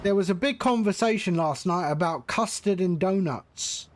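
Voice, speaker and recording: A man's voice: sits high, moderate pace, slight background noise. A man streaming a flight simulator, chatting casually with his viewers, joking and laughing often. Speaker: flight sim livestreamer.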